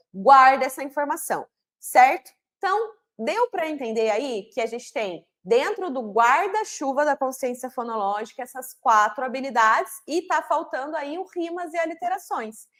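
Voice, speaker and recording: This literacy teacher trainer has a high, fairly bright female voice and is giving a recorded online lesson. Her style is didactic: she slows down to sound out syllables and phonemes, then speeds up in quick bursts full of "né?" and "certo?" checks.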